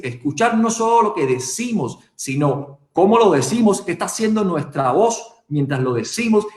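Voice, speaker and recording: A man with a Cuban accent, a communication consultant giving measured, reflective explanations in an online panel. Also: high-pitched, echoey room. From Cuba. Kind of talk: panel talk on video call.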